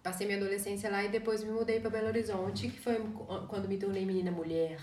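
A young Brazilian woman from Caetité, Bahia, co-hosts a podcast, chatting casually with a Brazilian accent. Her mid-range voice has a darkish, steady tone and a quick pace. The mic sits at a distance in an echoey room, with light noise.

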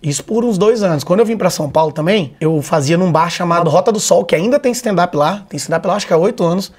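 A laid-back man from Vitória, Brazil, talks as a stand-up comedian guest in a relaxed podcast chat. His voice sits notably high, and his speech is loose, slangy and peppered with swearing. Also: fast, breathy edge. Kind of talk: casual podcast conversation.

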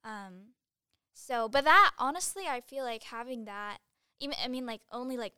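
A woman's voice: fairly high pitch, normal speed, pushed and bright, clean tone, dry recording, clean studio sound. A young woman in her late teens, chatting as a guest in a casual interview, giggly and full of fillers.

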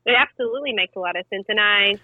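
A woman's voice: medium pitch, rapid-fire, dry recording. A woman in her late twenties talking candidly in a casual podcast chat, laughing easily. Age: 20s. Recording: dull, dry, lo-fi sound.

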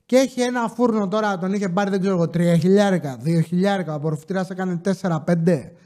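Man, casual animated storytelling, higher-pitched voice, podcast host. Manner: animated, acts out quoted dialogue.

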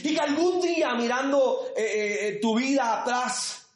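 A man in his forties preaching a sermon, shifting between fervent shouted exhortations and quieter personal storytelling. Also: extremely high pitch, expressive, measured pace. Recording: echoey church room.

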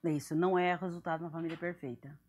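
A woman pastor, chatting in an interview, animated and laughing often as she acts out what people said. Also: lowish voice, racing, lo-fi sound, slight background noise. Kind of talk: casual church interview, storytelling.

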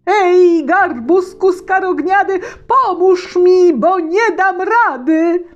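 A foolish young peasant lad blurts his lines in a high, excited, exclamatory voice, as a woman acts him out. The storybook verse is loud and pitched well above her own voice. Faint music plays under it. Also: takes it slowly, highs cut off.

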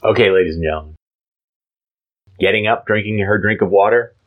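A man's voice: fairly low pitch, a little fast, narrow, tinny audio. A man co-hosting a casual chat, describing and reading a comic aloud in a playful way. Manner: playful, jumps into voices, animated. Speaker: podcast co-host.

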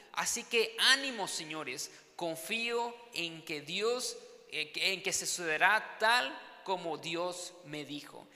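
A Mexican man preaching from the pulpit, his voice pitched high and ringing bright. He tells a personal story with lively, dramatic flair and keeps checking in with the congregation. A long reverb from the church hall trails after every phrase. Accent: Mexican Spanish. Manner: animated, dramatic storytelling with tag questions. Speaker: pastor.

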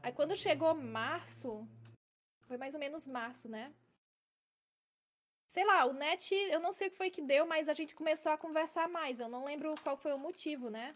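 A woman's voice: high voice, moderate pace. A young woman casually telling a long personal story, often adding "entendeu?" to check her listeners follow. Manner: chatty, keeps adding "entendeu?".

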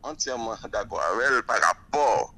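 A man's voice: medium pitch, expressive, brisk, creaky, sharp tone, low-quality recording. A man talking football on a radio show, hesitant and repeating words as he explains. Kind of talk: radio sports talk.

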